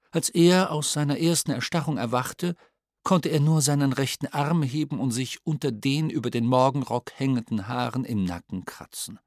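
A man reading a children's storybook aloud in an expressive, playful manner. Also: medium pitch, dry recording, clean studio sound. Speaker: audiobook narrator. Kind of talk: storybook narration.

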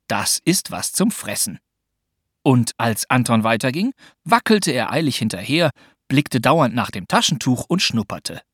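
An audiobook narrator telling a children's story with animated, wide-ranging pitch. The delivery is expressive and clearly scripted. The recording is dry, close and studio-clean. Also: dry recording.

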